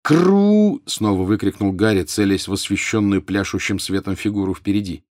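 A man's voice: low-pitched, little pitch movement, brisk, no room sound, studio quality. A man narrating an audiobook in a tense, urgent reading style.

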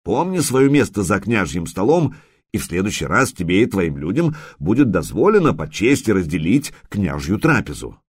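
A man voicing a stern older warrior who lectures and warns in measured tones. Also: low voice, big pitch swings, slightly rough, heavily acted. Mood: stern warning. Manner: lecturing, warning.

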